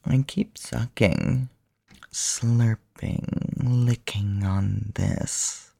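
A woman whispering slowly and teasingly into a close microphone, giving commands in an intimate roleplay. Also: extremely low pitch, gravelly, dark tone, dry recording. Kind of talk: whispered erotic ASMR roleplay.

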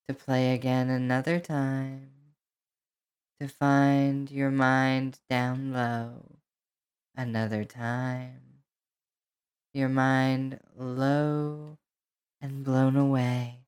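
A woman speaking as a hypnotist right in the listener's ear, in a commanding, deliberate, lulling monologue full of repetition. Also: a bass voice, a little mellow, clean tone. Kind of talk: slow hypnosis monologue, spoken close in the ear.

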